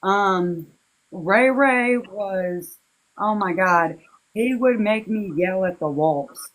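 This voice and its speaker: A woman speaking as an interview guest, recalling personal matters in a halting, heartfelt, casual way. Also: medium pitch, poor audio. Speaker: interview guest, victim's relative.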